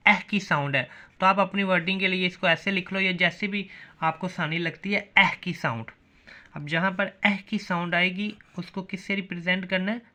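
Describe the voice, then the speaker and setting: Man, shorthand teacher, bright clear voice, drills students by asking and answering himself. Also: high voice. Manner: repeats questions and answers them himself. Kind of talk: classroom lesson.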